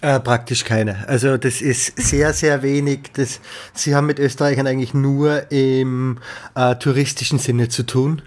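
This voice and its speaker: A man interviewing a guest in a relaxed, joking way. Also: medium pitch, moderate pace. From Austria. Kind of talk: casual conversation.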